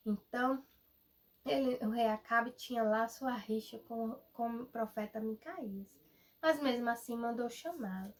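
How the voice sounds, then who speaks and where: Young woman teaching kids a bible story, lively, talks right to them, highish voice, mic kinda far. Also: unhurried. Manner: animated, addresses children directly.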